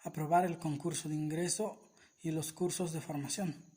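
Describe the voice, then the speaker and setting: A man reading aloud a summary of a law in a formal, steady, list-like way. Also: fairly high pitch, moderate pace, slightly rough. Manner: steady, even, list-like delivery. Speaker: reader of a legal summary. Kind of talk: formal reading of legal text.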